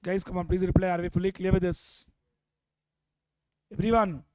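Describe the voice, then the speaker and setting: A man's voice: high voice, flat delivery, moderate pace, dry recording. A man with an Indian accent lecturing a revision class, prompting students with repeated questions and dropping Hindi phrases into his English. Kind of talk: interactive exam revision lecture.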